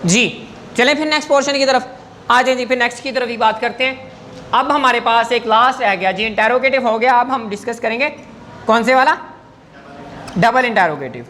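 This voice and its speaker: A man's voice: very high-pitched, sharp tone, a little hiss or hum. Patient male English teacher. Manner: patient, coaxing, checks understanding often. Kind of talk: classroom grammar lesson.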